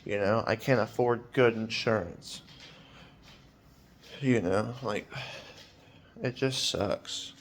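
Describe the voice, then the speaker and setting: A man's voice: on the low side, slow pace, long pauses, a little hiss or hum. A man in his twenties talking in a personal vlog, hesitant and rambling with many fillers, sounding weary and anxious. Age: 20s.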